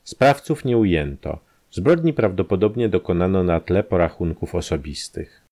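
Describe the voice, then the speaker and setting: A man narrating a scripted crime story for a podcast, measured storytelling with expressive rises. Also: deep voice.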